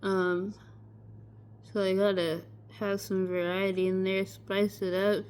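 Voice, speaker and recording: A woman's voice: mid-range voice, little pitch movement, slow pace, darkish tone, clean tone. A woman talking casually in a video diary with a stuffy nose and a stiff, swollen, barely opening jaw, sore after surgery. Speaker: vlogger recording a surgery recovery diary.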